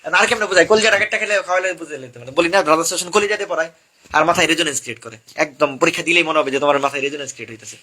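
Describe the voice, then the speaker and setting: A man's voice: a little high, very fast, bright, forceful tone. A young man, coaching students for an admission exam in a live class, drilling topics over and over.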